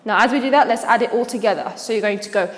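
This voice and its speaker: A woman's voice: on the high side, racing, reverberant, big-room sound, a little hiss or hum. A woman teaching a dance routine step by step, explaining each move and counting the beats aloud as she demonstrates. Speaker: dance instructor.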